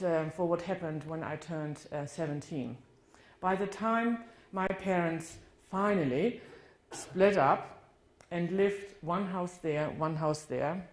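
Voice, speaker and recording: Speaking in a lowish voice with a German accent, a woman from northern Germany gives a personal testimony as a guest speaker in a church hall. Her storytelling is candid and reflective, with the odd self-correction, and the hall's roomy acoustics come through in the recording.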